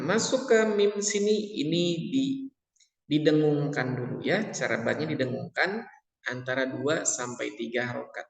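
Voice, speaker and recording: A man teaching tajwid in a patient lesson, repeating each point and chanting the verses slowly. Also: mid-range voice, vocal fry. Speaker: Quran recitation teacher. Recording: echoey room with long reverb.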